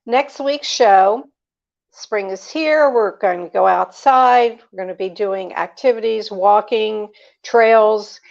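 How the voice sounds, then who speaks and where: An older woman hosting a food show, interviewing a guest and reading plugs and announcements in a slow, deliberate way. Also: medium pitch, creaky, a little mellow, lo-fi sound. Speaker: radio host.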